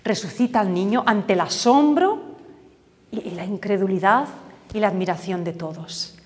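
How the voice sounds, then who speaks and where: A woman's voice: medium pitch, expressive, moderate pace. A woman teaching a Bible class, telling gospel stories vividly and acting out the voices in the quotes. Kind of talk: storytelling Bible lesson. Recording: long reverb, hall-like echo.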